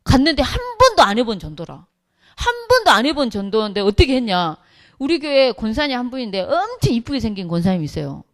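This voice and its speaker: High, animated woman telling a church story. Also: fast. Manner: lively storytelling, acts out quotes, laughs often. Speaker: pastor's wife giving a testimony. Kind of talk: humorous church testimony.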